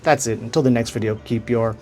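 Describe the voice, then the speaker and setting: A man's voice: mid-range voice, steady tone, fast, music in the background. A man with a Hawaiian accent hosting his own channel, chatting casually to camera and often searching for words. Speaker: channel host. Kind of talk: casual vlog talk.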